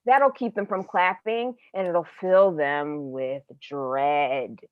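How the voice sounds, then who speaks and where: A woman's voice: sits low, steady tone, takes it slowly, dry recording. A woman playing a theatrical anti-masker villain over a bad connection. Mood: scheming. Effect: bad, lo-fi video call connection. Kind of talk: improvised comedy scene over video call. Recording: dull lo-fi call audio, dry.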